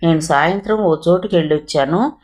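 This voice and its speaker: A woman voicing a patient young man who calmly reassures and advises. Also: lowish voice, a little fast, lightly acted. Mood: reassuring. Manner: calm, reassuring advice.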